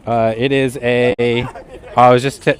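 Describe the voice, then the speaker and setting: Speaking at a measured pace in a medium, fairly flat voice, a man chats directly with his viewers while streaming outdoors in a city park. The wireless clip mic drops out repeatedly, leaving his volume uneven.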